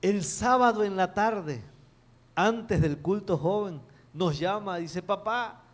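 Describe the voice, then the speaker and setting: A middle-aged male pastor delivers a sermon as a story. He speaks slowly in a fairly high voice, with emphatic pauses. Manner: emphatic storytelling with acted quotes and dramatic pauses.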